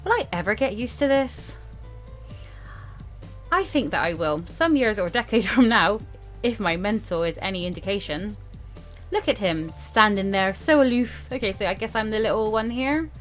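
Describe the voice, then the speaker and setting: Music plays under this woman's voice as she hosts a laid-back let's-play, reading game text aloud with informal comments and occasional stumbles. Her delivery is animated, mid-range and moderately paced.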